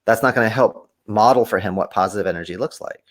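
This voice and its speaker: A man, a podcast guest, telling stories animatedly in conversation and acting out quoted voices with big swings in pitch. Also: quick pace. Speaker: podcast guest, kung fu teacher.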